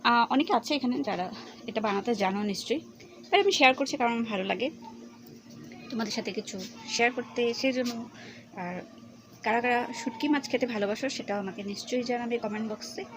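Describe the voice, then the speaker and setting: A young woman casually narrating a home cooking vlog in a dim kitchen, talking quietly because others are nearby, with no external mic. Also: a little high, a little fast, long pauses. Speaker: cooking vlogger. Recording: noisy home recording without a mic.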